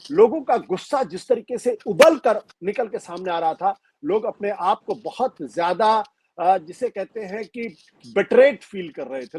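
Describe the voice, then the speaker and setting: A man speaking as a political commentator in an interview, measured and emphatic, with frequent fillers and restarts. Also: sits high, darkish tone, breathy edge, dry recording.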